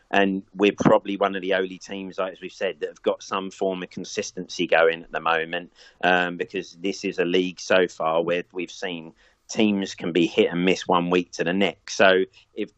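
Man, very low voice, dry close sound, casual football pundit, halting fillers. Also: dry recording. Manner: thoughtful, many fillers and restarts. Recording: dull lo-fi audio.

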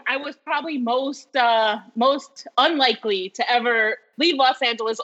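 A woman from New York in her forties, a professor telling stories as an interview guest in an animated way, laughing often. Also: a little high, measured pace. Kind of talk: casual storytelling interview. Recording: dull lo-fi sound with long reverb.

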